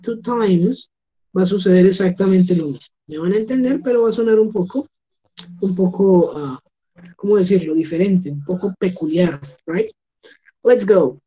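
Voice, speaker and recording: A woman teaching English online in Spanish, explaining slowly and repeating words for pronunciation, with a Colombian accent. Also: fairly low pitch, mellow, husky, highs cut off. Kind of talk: online class lesson.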